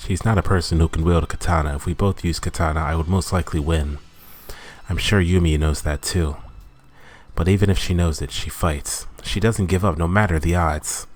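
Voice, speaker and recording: A man with a very deep, low voice reads a story game's text aloud in a steady, measured way. Now and then he stumbles and corrects himself, while soft game music plays behind him. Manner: steady, measured reading with small slips. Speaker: gaming channel host.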